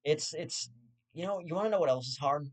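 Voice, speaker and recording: A man's voice: a little high, brisk. Profane rambling young man ranting. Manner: profane, rambling, stammering restarts, half-joking. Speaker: host of his own commentary show. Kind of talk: ranting casual commentary.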